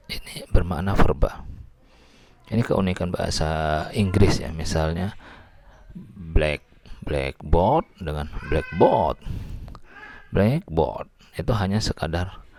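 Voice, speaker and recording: A man's voice: low voice, gravelly, darkish tone. A man lecturing on linguistics, explaining patiently and often restarting or repeating words. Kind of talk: recorded lecture.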